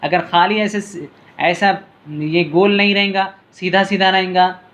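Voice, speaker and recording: A man teaching letter reading step by step. He calls out each letter name in a long, drawn-out tone, then explains quietly in a lower voice. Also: little pitch movement. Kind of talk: patient step-by-step reading lesson.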